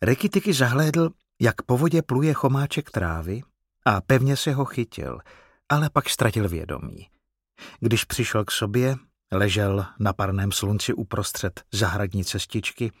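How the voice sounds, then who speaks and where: A man narrating a storybook in an expressive, animated reading. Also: lowish voice, slightly rough, no echo, clean studio sound.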